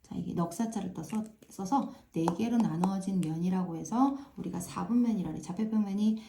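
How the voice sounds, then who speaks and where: A woman's voice: mid-range voice, fairly quick, vocal fry, background noise. A woman math teacher explaining step by step in a casual classroom manner, often asking "right?" to check understanding. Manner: frequent tag questions checking understanding; repeats filler "ja" to pace steps.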